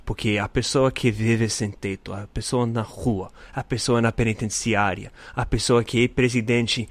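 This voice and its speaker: A man's voice: mid-range voice, no room sound. American-accented man podcasting, dry close sound. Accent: American accent in Portuguese. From United States. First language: English. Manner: simple learner phrasing, with repetition for emphasis. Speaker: podcast host. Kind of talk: casual solo podcast monologue, motivational.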